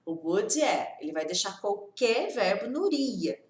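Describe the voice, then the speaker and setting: A woman teaches an English lesson, explaining patiently, checking in with short questions and repeating example sentences slowly. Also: medium pitch, sing-song, a little mellow. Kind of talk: English lesson for Portuguese speakers. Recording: echoey room.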